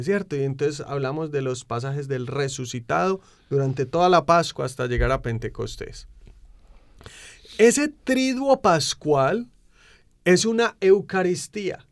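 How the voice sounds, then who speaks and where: Emphatic preaching man, slightly high voice. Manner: emphatic, slow build-ups, frequent rhetorical "¿cierto?" tags. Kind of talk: preaching explanation of faith.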